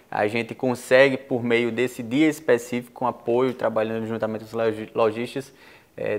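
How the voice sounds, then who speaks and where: A man's voice: mid-range voice, a bit bright. A man with a Brazilian accent explaining things as a guest in a studio interview. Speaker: guest, business association leader.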